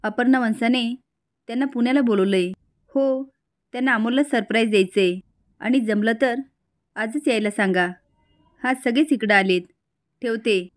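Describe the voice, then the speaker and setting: A woman reading the lines of a scheming, sharp-tongued woman of the household, brisk and businesslike. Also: on the high side, dry recording, clean studio sound, natural voice.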